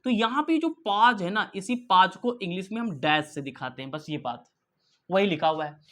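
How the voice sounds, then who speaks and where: A man's voice: sits high, expressive, moderate pace, fairly bright tone. Playful teacher quizzing his class. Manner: asks rhetorical questions and answers them himself; playful, teasing, calls students beta and bhai. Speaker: English grammar teacher. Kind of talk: online classroom lesson.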